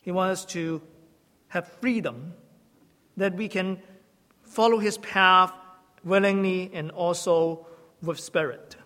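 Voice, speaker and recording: High-voiced man. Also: fairly even intonation. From Hong Kong. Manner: halting, self-correcting, gently humorous. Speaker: church teacher. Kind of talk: sermon-style teaching talk. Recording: long hall reverb.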